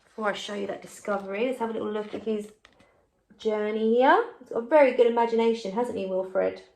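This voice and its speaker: In a rough recording, a woman with a medium-pitched, gravelly voice reads a story briskly to her class. She's an expressive, encouraging primary teacher who chats between pages and asks the children questions.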